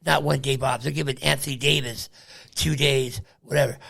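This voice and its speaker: An older man, the host's father, joins as a guest for a casual chat with his son about sports and history, rambling, trailing off and laughing often. His voice is medium-pitched and gravelly with a slight brightness, moving at a normal speed with fairly even intonation.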